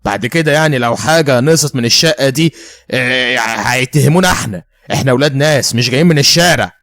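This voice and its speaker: A man's voice: medium pitch, fast talker, fairly bright tone, dry recording, studio quality, lightly acted. A man doing a stern, principled Egyptian young man. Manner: firm and serious.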